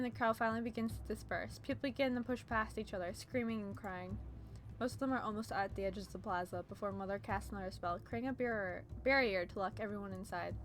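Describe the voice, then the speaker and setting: A woman's voice: mid-range voice, fairly bright tone. A woman reading a visual novel as its narrator, mixing dramatic storytelling with casual commentary.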